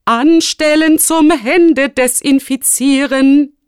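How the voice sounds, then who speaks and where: A fussy, germ-obsessed male school principal from a children's audiobook, put on by a woman reader. He talks high, loud and slowly stretched out, fretful and overbearing. The voice is dry and close, with no room around it. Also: expressive, no room sound. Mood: strict barking. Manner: strident, barking orders, then whimpering.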